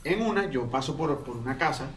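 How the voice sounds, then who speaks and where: A man's voice: mid-range voice, lively intonation, brisk, a little hiss or hum. A man from Venezuela with a Venezuelan accent, telling a long story in a casual, slangy way and often restarting his sentences. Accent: Venezuelan Spanish. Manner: rambling, restarts mid-phrase, slangy. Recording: roomy distant mic, faint ambience.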